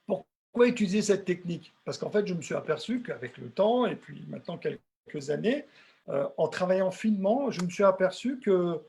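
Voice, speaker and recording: A middle-aged dental technician gives an informal webinar about his craft, his voice fairly high and husky with a darkish tone. He is very animated and speaks at normal speed, keeping things conversational and repeating words to stress his points.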